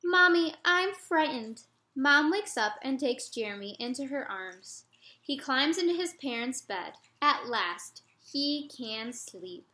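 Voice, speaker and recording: A woman reading a picture book aloud, slow, expressive and gentle. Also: high-pitched, roomy sound. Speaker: storyteller.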